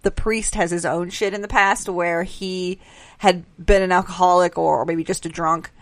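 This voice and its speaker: Woman, podcast co-host, brisk casual recap delivery, dry mic. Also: lowish voice, dry recording. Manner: quick, animated recapping with quoted voices.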